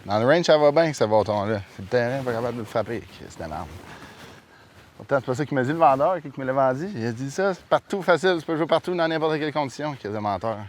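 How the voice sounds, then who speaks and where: A man's voice: medium pitch, lively intonation, quick pace, a little hiss or hum. A man with a Quebec French accent, bantering casually in very colloquial, sweary speech. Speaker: player in a filmed golf outing. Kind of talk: casual banter among friends.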